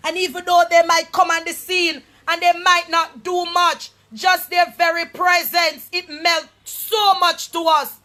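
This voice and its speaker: A woman prophetess giving a fervent personal testimony to an online audience, often raising her voice toward a shout and addressing listeners as people of God. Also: very high-pitched, little pitch movement, measured pace, few pauses. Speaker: prophetess and apostle.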